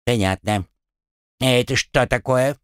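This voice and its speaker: A man's voice: mid-range voice, slow, clean tone, no echo, studio quality, close to an everyday voice. A man voicing a cowardly, crude little male gremlin with a whiny, bleating manner in an audiobook. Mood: grumbling.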